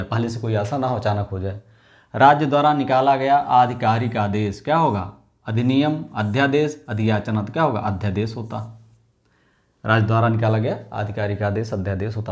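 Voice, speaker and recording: Man, exam-prep teacher, mid-pitched, asks and answers himself, repeats key words.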